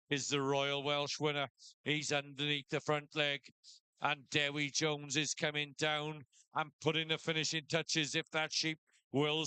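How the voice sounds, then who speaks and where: A male live event commentator with a bright, forceful and exceptionally clear voice. He announces a shearing contest at a measured pace, rallying competitors by name and stand number. The sound is dry and close. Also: fairly high pitch, dry recording.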